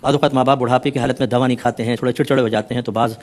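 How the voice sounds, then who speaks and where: A man's voice: medium pitch, steady tone, darkish tone. Earnest male scholar explaining scripture. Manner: earnest, explanatory, with teasing asides; mixes English words into his talk. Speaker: Islamic scholar. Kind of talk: religious discourse explaining a Quran verse.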